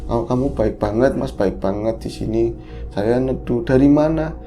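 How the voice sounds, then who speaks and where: A man's voice: medium pitch, moderate pace, music in the background, natural voice. A man voicing a coy, teasing female jinn.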